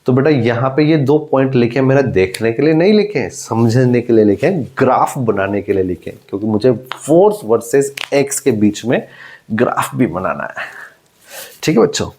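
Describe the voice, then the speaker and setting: A man's voice: medium pitch, expressive, moderate pace, darkish tone. Man teaching physics step by step. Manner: talks students through each step, calling them "beta" and "my child"; repeats key phrases for emphasis. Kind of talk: exam-prep blackboard lecture.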